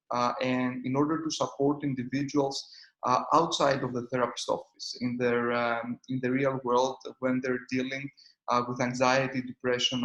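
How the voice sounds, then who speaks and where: A man's voice: mid-range voice, fairly bright tone, roomy sound, highs cut off. A man in his thirties from Greece with a Greek accent, a company founder answering interview questions with many hesitant fillers. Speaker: startup founder and CEO. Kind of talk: conference interview.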